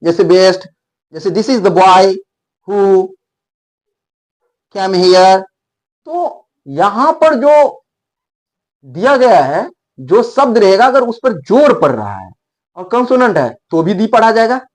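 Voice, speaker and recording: A man teaching a lesson, explaining pronunciation and repeating words slowly to show how they sound. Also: high-pitched, big pitch swings. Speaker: English teacher.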